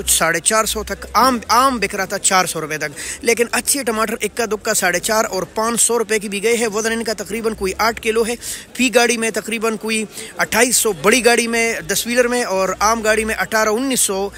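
A man in his thirties with a Pakistani accent hosts market rate updates, presenting an informational report in an earnest, projected manner. His voice sits high, sounding pushed and bright.

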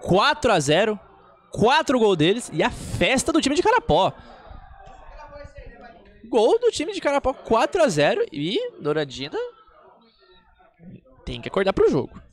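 Explosive Brazilian goal commentator, high-pitched man. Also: wildly swooping pitch, a little slow, long pauses. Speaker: football play-by-play commentator. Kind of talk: live football match commentary.

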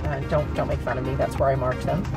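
A woman's voice: very deep voice, steady tone, quick pace, loud music behind the voice, rough recording. A woman in her forties giving a casual, rambling vlog update from inside her car, filmed on a dashboard phone. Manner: chatty, rambling, frequent "uh" fillers and restarts. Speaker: kitten rescuer and vlogger. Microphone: phone camera mounted on the dashboard.

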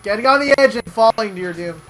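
Music plays in the background as a man co-hosts a let's play, gaming and chatting casually. His voice is high, sharp and animated, and he talks fast, rambling, reminiscing and cursing at his own mistakes.

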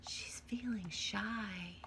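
In a small, cluttered room at home, a middle-aged teacher reads a picture book to young children at a slow pace. Her mid-range voice is expressive, and she acts out feelings with emphasis and whispers while making chatty asides to the kids. There's slight background noise.

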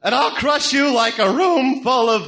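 A man's voice: extremely high pitch, normal speed, a crowd in the background. A man playing a manic, sadistic clown supervillain in a comic-book radio drama, taunting theatrically with a cackling, sing-song menace. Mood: gleeful menace. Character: manic, gleefully sadistic male clown supervillain, mocking gangster.

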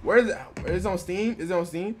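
A young man streaming from his bedroom, reacting to a video and joking loudly with his chat. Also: high voice, quick pace, a little hiss or hum. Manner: loud, joking, talks to chat. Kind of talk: casual live-stream commentary. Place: small bedroom at home.

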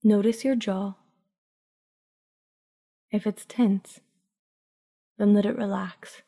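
A woman narrating a guided sleep meditation like a sleep story, calm, unhurried and soft-spoken, with breathy phrase endings. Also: mid-range voice. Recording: long reverberant tail on voice.

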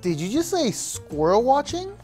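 Lively young man gushing about food. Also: extremely high pitch, a little slow, faint music behind. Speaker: sketch comedy actor. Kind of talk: comedic sketch explaining a dish.

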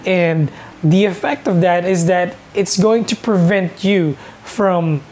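A man's voice: high voice, takes it slowly, a little mellow. A man in his thirties with a Filipino accent, talking earnestly to the camera as a personal finance vlogger and often checking in with "okay?". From Philippines. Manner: gestures with his hands while talking. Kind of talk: talking to camera, mixing English and Tagalog. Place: small indoor room, seated in front of a couch.

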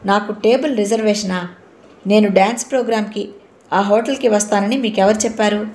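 A woman voicing a proud young woman who speaks quietly but firmly, in a roomy recording. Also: medium pitch, steady tone, a little fast, close to an everyday voice. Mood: stern. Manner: quietly firm, questioning. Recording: roomy echo.

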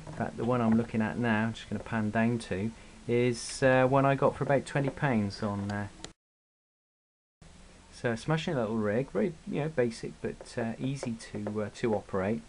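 Speaking at a moderate pace in a mid-range voice, a hobbyist gives a casual product review and demonstration indoors. His delivery is hesitant, informal and unscripted. The recording comes from a camera microphone and sounds hissy, noisy and amateur.

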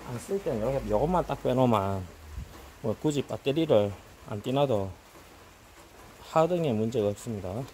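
Working on farm equipment out in a gravel yard, this middle-aged man gives a casual how-to in blunt, everyday terms that slide into grumbling. His voice is mellow and animated, medium in pitch, at a moderate pace, with outdoor sounds in the background.

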